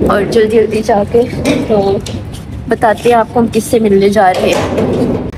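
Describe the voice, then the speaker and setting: Chatting casually about her day with English words mixed in, a young woman vlogs into a phone at arm's length, both at home and in an auto-rickshaw. Her medium-pitched voice stays level and unhurried, half-whispered when indoors, with noise in the background.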